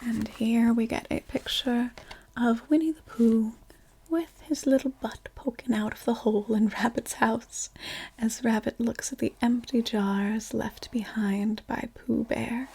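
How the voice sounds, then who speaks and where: A woman reading a storybook aloud in a soft, slow, whispered ASMR style. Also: a little high, fairly even intonation, creaky, slightly rough. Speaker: ASMR reader.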